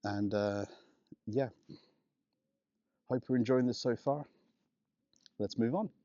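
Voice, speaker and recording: A man's voice: medium pitch, slow, mellow, no room sound, lo-fi sound. A man vlogging outdoors on a walk, talking casually and rambling with restarts and laughs, recorded on a clip-on wireless mic. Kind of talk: casual walking vlog.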